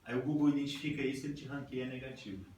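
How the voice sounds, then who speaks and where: A man's voice: mid-range voice, fairly even intonation, racing, a little mellow. A Brazilian man presents to a group, explaining step by step and often checking in with "tá?". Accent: Brazilian Portuguese. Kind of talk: informal talk with slides. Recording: echoey room, far mic, noisy.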